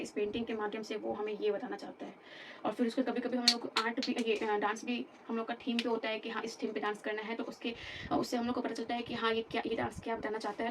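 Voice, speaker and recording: A woman's voice: on the high side, recorded from a distance, a little hiss or hum. A woman teaching a lecture class, explaining patiently, repeating terms and checking in with her students.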